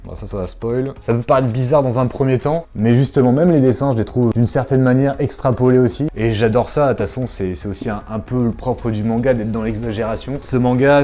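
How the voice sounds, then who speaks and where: Chatty man with a warm, mellow voice. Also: medium pitch, a little fast, hardly any pauses, faint music behind. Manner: chatty, digressive, frequent fillers; addresses viewers directly. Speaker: manga YouTuber. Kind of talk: casual vlog review.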